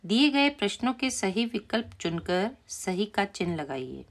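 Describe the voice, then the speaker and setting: A woman teacher slowly and patiently explaining a primary school Hindi lesson, repeating key words for the children. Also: medium pitch, very animated.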